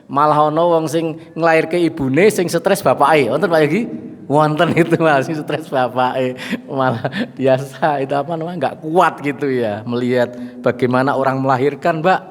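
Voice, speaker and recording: A middle-aged man with a Javanese accent preaching a lively sermon to a gathering, chatting with and joking with the audience. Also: fairly high pitch, moderate pace. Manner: lively, mixes in Javanese phrases and jokes with the audience. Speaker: Islamic preacher. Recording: long hall reverb.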